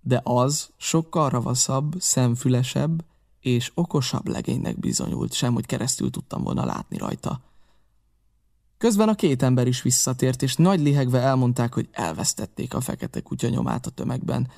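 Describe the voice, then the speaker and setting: A man narrating an adventure novel as an audiobook reader in a steady, even way. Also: mid-range voice, gravelly. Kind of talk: scripted narration.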